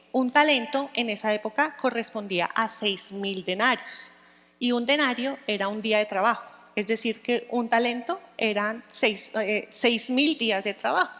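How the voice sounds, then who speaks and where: A woman's voice: on the high side, a bit bright, long reverb tail. A woman teaching the Bible to a women's group, speaking conversationally and often checking in with her listeners.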